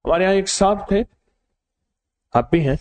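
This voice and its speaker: A man delivering a storytelling sermon in a fairly high voice that swings up and down with lots of expression. He talks straight to his listeners and keeps his anecdotes lively. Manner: animated, addresses the listeners directly. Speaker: religious preacher.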